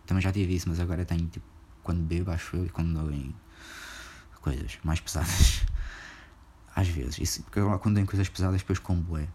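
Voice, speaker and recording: A man's voice: low-pitched, steady tone, fairly quick, dark tone, slight background noise. A young man with a European Portuguese accent, hosting a casual solo podcast, rambling in slang and swearing, laughing often. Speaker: podcast host.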